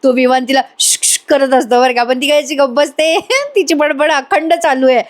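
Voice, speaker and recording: A woman narrating a TV serial recap in a chatty voice-over, dropping chuckling asides to her viewers. Her voice sits high. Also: normal speed. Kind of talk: casual retelling of a TV serial episode.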